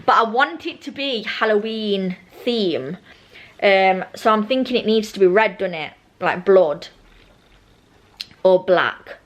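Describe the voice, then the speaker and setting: Taking it slowly in a mid-range voice, a young British woman with braces chats in a casual vlog. Her elastic bands leave her speech slightly slushy, and she rambles informally, often interrupting herself.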